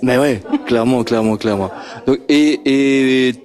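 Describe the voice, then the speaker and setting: Speaking at a moderate pace in a medium-pitched, darkish voice, a man puts friendly questions to children at a homework-help group. He stammers, repeats words and chuckles frequently, with a handheld mic passed from person to person.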